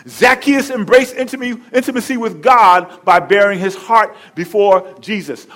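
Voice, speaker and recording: A male pastor preaching a sermon, telling stories with lively repetition and asides to the congregation. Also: sits high.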